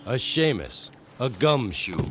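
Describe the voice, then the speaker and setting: An actor playing a spoofy 1940s noir private detective in a TV comedy, with a deadpan hard-boiled delivery and a Mid-Atlantic accent. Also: male voice, mid-range voice, slow, a little hiss or hum. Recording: TV soundtrack with loud music behind. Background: loud music.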